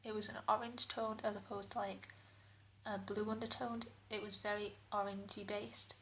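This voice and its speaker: A woman's voice: mid-range voice, level tone, normal speed, fairly bright tone, slight background noise. A woman chatting casually through a beauty product review, recorded in a small bathroom that gives her voice an echo. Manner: chatty, rambling. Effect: room echo off bathroom walls. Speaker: beauty vlogger.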